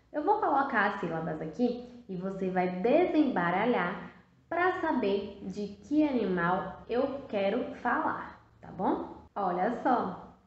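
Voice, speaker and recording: A woman with a Brazilian Portuguese accent teaching a first-grade class in a recorded video lesson, stretching words out in a slow, sing-song teacherly way. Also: mid-range voice. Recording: very echoey, dull lo-fi sound.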